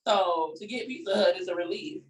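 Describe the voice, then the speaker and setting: A co-host in a casual podcast, loud and emphatic, laughing as they talk. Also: mid-range voice, brisk, recorded from a distance, over a noisy crowd.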